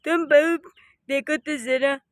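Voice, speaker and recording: A woman voicing a sharp-tongued old village mother-in-law who scolds and complains in a cartoon story. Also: high-pitched, steady tone, slow pace, no room sound, clean studio sound. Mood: scolding. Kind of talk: cartoon voice acting.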